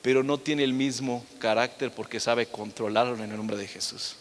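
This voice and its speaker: A man's voice: medium pitch, steady tone, moderate pace, a little hiss or hum. A young man preaching a sermon in a church, firing rhetorical questions at the congregation. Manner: acts out the voices of people in his stories. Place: church hall. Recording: long reverb of a large hall.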